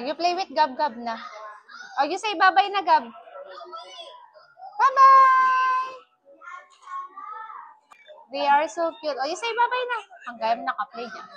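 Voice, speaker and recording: A woman's voice: very high-pitched, highs cut off. A woman vlogger with an Ilocano accent, chatting playfully to the camera and teasing small children at a village gathering. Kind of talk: casual vlog chat mixing languages.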